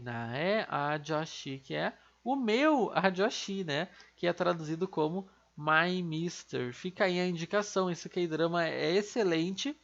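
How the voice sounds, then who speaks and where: A woman's voice: on the low side, creaky, muffled recording. A woman teaching an online language lesson, explaining step by step and asking and answering her own questions.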